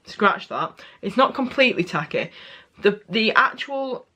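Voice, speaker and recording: A woman's voice: fairly high pitch, expressive, a little slow, pushed and bright. A young woman beauty vlogger giving a casual, candid product review, often correcting herself mid-sentence.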